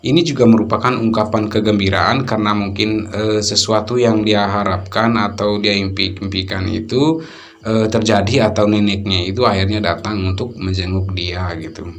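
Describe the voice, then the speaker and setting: A man's voice: fairly low pitch, steady tone, normal speed. A man from Indonesia giving a casual video lesson on English grammar, explaining with many fillers and acting out short example phrases. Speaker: English teacher.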